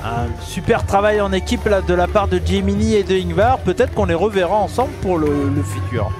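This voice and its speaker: High-voiced Frenchman as excited wrestling commentator. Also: fairly quick. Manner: exclamatory, calling moves as they happen. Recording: loud event with music and crowd behind. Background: crowd and music.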